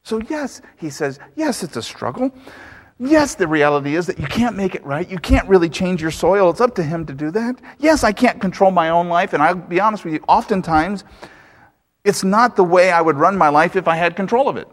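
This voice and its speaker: Pastor guy preaching, pitch swooping all over, a bit high, big echo from the hall. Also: expressive, a little fast. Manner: emphatic preaching with rhetorical questions. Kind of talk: sermon. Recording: long hall reverb.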